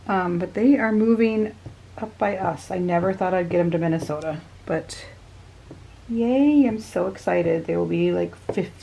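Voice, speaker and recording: A woman's voice: on the low side, gravelly, darkish tone, a little hiss or hum. A woman in her thirties chatting casually while making a glued paper collage, often laughing and murmuring to herself as she works. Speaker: crafting vlogger. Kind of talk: casual chat while crafting.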